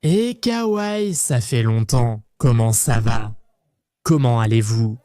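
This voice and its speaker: A man from Argentina hosting a travel vlog, talking in an excitable, playful, jokey way. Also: mid-range voice, takes it slowly, dry recording, studio quality. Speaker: travel vlogger host.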